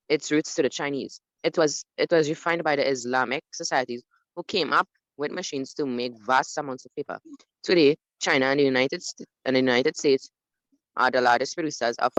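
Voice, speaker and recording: A man's voice: a little high, fairly bright tone, no echo, highs cut off. Male participant reading aloud over a call, careful, self-correcting, dry sound. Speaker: lesson participant. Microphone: video call.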